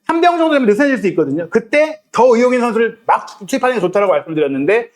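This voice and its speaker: A man co-hosting a football analysis talk show, explaining tactics in a lively way and acting out what players say at halftime. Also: very high voice, very fast. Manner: animated, acts out locker-room quotes.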